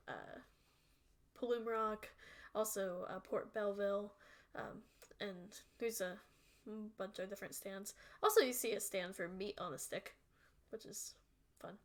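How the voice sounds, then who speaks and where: Woman running a tabletop game, chatty and giggly, lots of ums. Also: medium pitch. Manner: chatty, giggly narration full of fillers. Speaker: game master.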